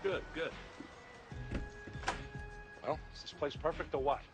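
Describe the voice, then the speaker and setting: An actor playing a friendly, talkative acquaintance showing off a new place. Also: male voice, on the high side, slow pace, music in the background. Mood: chatty. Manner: chatty and friendly. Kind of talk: TV crime drama acting.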